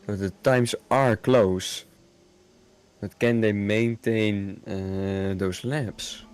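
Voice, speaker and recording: A man's voice: on the low side, fairly even intonation, drawn-out words, clear, resonant tone. A man with a Dutch accent co-commentating a sim race, searching for words with many fillers.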